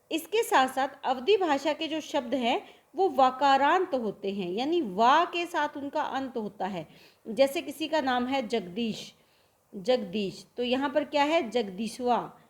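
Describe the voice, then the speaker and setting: A woman with a high voice gives a literature lesson. She talks steadily and explains patiently, repeating example words slowly and putting questions to herself before she answers them. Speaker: teacher. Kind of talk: Hindi literature lecture.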